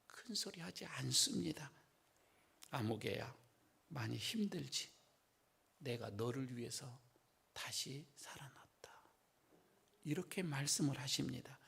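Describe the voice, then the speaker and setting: A male pastor preaching a sermon in a church sanctuary, swinging from loud emphasis to hushed whispers. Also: a little high, vocal fry. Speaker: senior pastor.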